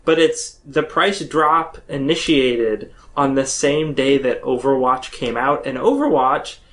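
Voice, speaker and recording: A man's voice: mid-range voice, expressive, a little slow, fairly bright tone. A man co-hosting a gaming news podcast, chatting with enthusiasm and restarting his sentences. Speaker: podcast co-host. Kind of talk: casual chat.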